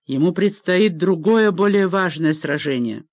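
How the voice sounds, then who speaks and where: Woman doing calm young nobleman, composed, measured, firm, storybook read. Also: fairly low pitch, no echo.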